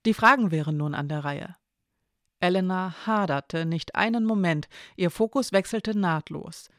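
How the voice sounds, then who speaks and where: A calm reader narrating a novel aloud, giving the dialogue only light shading. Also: medium pitch, normal speed, no echo, studio quality. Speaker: audiobook narrator.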